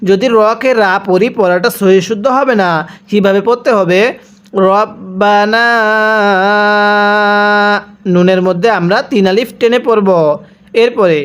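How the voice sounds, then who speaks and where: A man from Bangladesh teaching Quran reading, spelling out words and reciting verses slowly, then explaining the rules in brisk bursts. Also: sits high. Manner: patient, drawn-out recitation alternating with brisk explanation.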